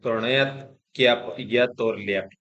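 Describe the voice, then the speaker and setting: A man's voice: medium pitch, takes it slowly, a bit bright, lo-fi sound. A man teaching an exam-prep Sanskrit grammar lesson in Hindi. He recites the rules, explains them step by step and keeps checking in with the class. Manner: explains step by step, often saying 'theek hai' to check in.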